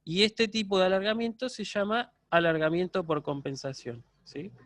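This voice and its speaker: A man with an Argentine Spanish accent giving a university lecture online, explaining patiently and often checking in with a quick "¿sí?". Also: high-pitched, steady tone, a bit bright, no room sound.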